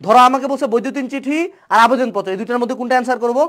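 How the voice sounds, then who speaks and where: Young tutor, rapid-fire delivery, playful, rhetorical questions, English words mixed in. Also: medium pitch, fairly bright tone. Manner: mixes English words into Bengali. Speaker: online tutor. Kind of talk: webinar lecture.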